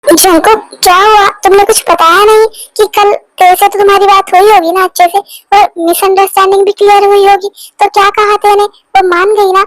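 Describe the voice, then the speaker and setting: A woman voicing a concerned mother who gently questions her son, in a fan-dubbed romance. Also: very high voice, flat delivery, normal speed, no room sound, low-quality recording. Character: concerned mother of the young man. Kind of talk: Hindi fan dub of a romance story.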